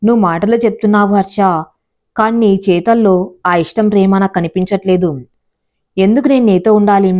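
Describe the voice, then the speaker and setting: Storybook wife, young, wounded, plaintive and earnest, in the narrator's own voice. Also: female voice, mid-range voice, brisk, dark tone, natural voice. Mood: hurt. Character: young wife, hurt and tearful.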